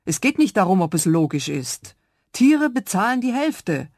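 A woman reading a children's radio story, voicing a stubborn, rule-bound male tram ticket inspector who talks louder and insists. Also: mid-range voice, big pitch swings, normal speed, no echo, studio quality. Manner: officious, insistent, louder than the narration.

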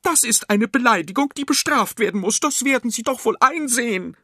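A man voicing a shrill, cheeky old woman, a cucumber witch in a children's radio story, with a nagging, scolding manner. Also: big pitch swings, unhurried, bright, forceful tone, no room sound, clean studio sound, exaggerated voice. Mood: indignant.

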